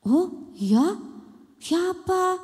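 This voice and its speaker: A woman's voice: very high voice, expressive, very slow, big-room sound, pitched above the performer's own voice, exaggerated voice. Woman playing Pak Rudi, a firm schoolteacher. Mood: questioning. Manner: questioning, firm but gentle. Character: male schoolteacher, stern then kind.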